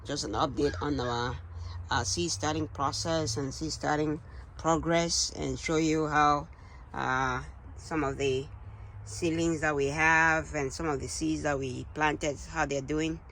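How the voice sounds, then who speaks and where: A man hosting a casual gardening update in a greenhouse, speaking in a halting, hesitant way. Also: fairly high pitch, steady tone, a bit bright, a little hiss or hum, poor audio. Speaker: gardening channel host.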